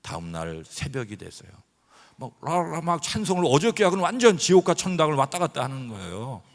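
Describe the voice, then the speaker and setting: A middle-aged man preaching a revival sermon as a pastor, telling animated stories and acting out voices and sounds. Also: on the high side, a little fast. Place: church sanctuary. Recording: long hall reverb.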